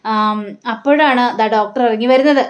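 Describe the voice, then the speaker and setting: High-voiced Malayali woman retelling a serial. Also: normal speed. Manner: retells scenes, reading out every character's lines in her own voice. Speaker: serial recap narrator. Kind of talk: casual storytelling recap.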